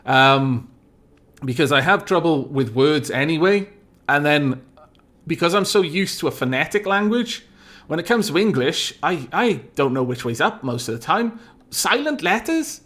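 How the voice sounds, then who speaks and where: A man from Wales, a first-language Welsh speaker, muses over a game at a measured pace with a lively pitch. The let's-play streamer's casual commentary rambles as he thinks aloud and drops dry asides, with faint background music.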